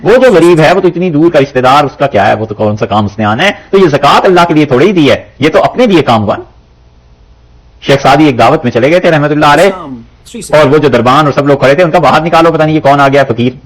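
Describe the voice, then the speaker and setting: A man's voice: fairly high pitch, expressive, fast talker, poor audio. A man teaching a Quran commentary, reciting verses and explaining them in plain talk, with stories and quoted lines along the way.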